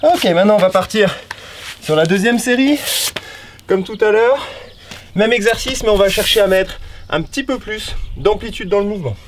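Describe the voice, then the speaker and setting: A man runs a guided workout as a fitness coach, his voice sitting noticeably high for a man. He keeps things upbeat and chatty, counting reps aloud and tossing in casual remarks between sets. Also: expressive, moderate pace, long pauses, a little hiss or hum. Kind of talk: guided home workout instruction.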